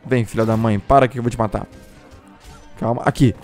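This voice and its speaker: A young man with a Brazilian accent giving excited gameplay commentary, often breaking into shouts while he chats to his viewers. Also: medium pitch, brisk, no echo. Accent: Brazilian Portuguese. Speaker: gameplay streamer. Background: faint classical music from the game.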